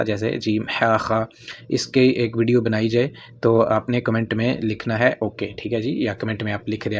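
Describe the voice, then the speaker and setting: A man with a Pakistani accent teaching vocabulary in a casual spoken lesson, patiently repeating each word and often pausing with fillers. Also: mid-range voice. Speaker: language teacher.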